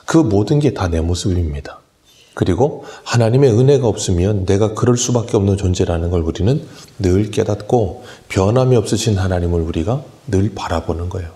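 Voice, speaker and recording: A man's voice: low-pitched, dark tone. A middle-aged male pastor giving an early-morning sermon, explaining scripture in a plain, conversational way.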